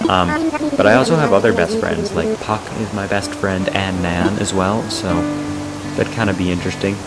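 A man giving casual game commentary, rambling and filling pauses with "um" while he talks to his viewers. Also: low-pitched. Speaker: gameplay vlogger. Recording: loud game music behind.

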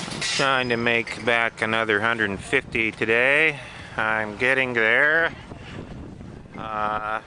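A middle-aged man with a mid-range voice narrates a casual handheld vlog about storage auctions in a dry, matter-of-fact way. It's recorded outdoors at a swap meet and a storage unit on a camera mic, with background noise.

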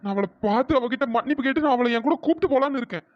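A man playing a pleading cartoon husband, slow and tearful, mid pitch, dull dry lo-fi audio. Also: no echo. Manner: begging, slow, soft.

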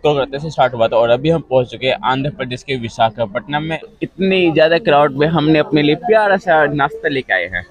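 A man in his twenties vlogs his travels on a crowded train, filming on a phone held at arm's length, and treats his viewers like friends. His slightly high voice moves quickly with few pauses, and the lo-fi sound carries loud train and outdoor noise as he narrates casually and chats with passengers in the carriages and on platforms.

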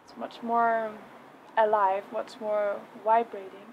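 A woman in her thirties speaking softly and dreamily in a casual vlog, halting with fillers, recorded outdoors on a mountainside by a camera mic a few metres away. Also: mid-range voice, little pitch movement, phone-quality sound. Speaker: vlogger. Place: outdoors in a rock cave on a mountainside. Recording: outdoor ambient noise.

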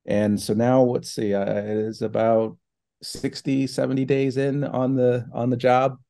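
A middle-aged man with a mid-range, gravelly, mellow voice speaks flatly at a measured pace on a laptop video call from his home office. He's a foundation president from New Hampshire and Ohio in the United States, appearing as a guest in a casual online interview. He sounds thoughtful, with many fillers and restarts.

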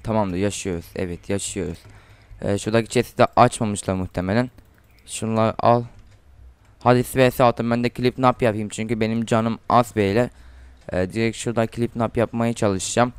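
A teenage boy from Turkey giving casual gameplay commentary, chatting to viewers and trash-talking opponents, getting loud and excited in fights, recorded on a desk mic at his computer. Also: on the low side, fairly quick, clear, resonant tone, dry recording. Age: teens. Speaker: gaming YouTuber.

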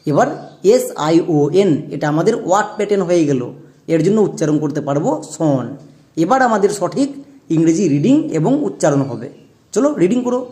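A man walks learners through English spelling and pronunciation. He spells each word out letter by letter and keeps asking rhetorical questions. His voice sits high yet sounds mellow and soft-edged. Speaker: English teacher.

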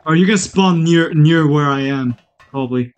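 A man's voice: on the high side, moderate pace, clear, resonant tone. A man in casual gaming chat, teasing his friends with crude banter. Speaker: gamer.

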